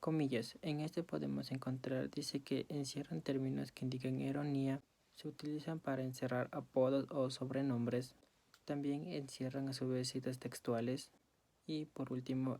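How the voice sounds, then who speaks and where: A woman reading study notes aloud as a student presenter, in a steady, list-like way. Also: rumbling low, moderate pace, creaky.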